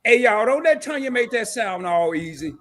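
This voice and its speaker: A man's voice: very high voice, big pitch swings, moderate pace, a crowd in the background. A man hosting a casual interview, enthusiastic and playful, laughing and teasing his guests.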